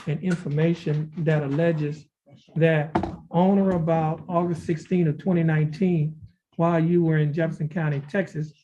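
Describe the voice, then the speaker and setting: A male judge conducting a formal plea hearing in a courtroom recording, reading documents aloud in a measured, formal way. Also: a little high. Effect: courtroom recording heard over a video call. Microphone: video call. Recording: dull lo-fi courtroom audio with faint hiss.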